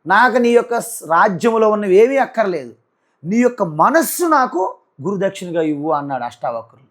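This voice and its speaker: High-voiced swami giving a discourse. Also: male voice, very animated. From South India. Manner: storytelling with homely examples and rhetorical questions; slow drawn-out chanting of verses. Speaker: swami teaching Vedanta. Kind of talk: spiritual discourse with chanted Sanskrit verses.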